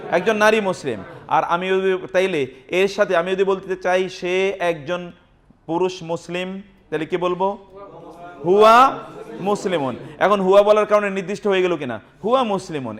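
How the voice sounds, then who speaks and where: A man teaching Arabic grammar to a class, with a Bangladeshi Bengali accent, quizzing his students and drilling words aloud with them. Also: sits high.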